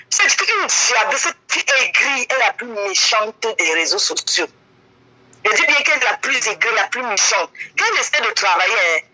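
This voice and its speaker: A woman's voice comes through a phone on speaker held away from the mic, high and swooping widely. She scolds and insists, repeating her points. Her tone is sharp and piercing. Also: husky, highs cut off. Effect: voice over a phone on speaker, held away from the mic. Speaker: caller on a live stream. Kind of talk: heated phone call.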